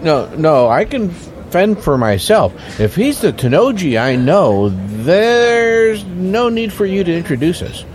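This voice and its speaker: Brief: a man playing a mischievous retired chef dad, unhurried drawl. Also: high-pitched, sing-song, a little mellow, slight background noise. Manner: joking, slow drawn-out delivery.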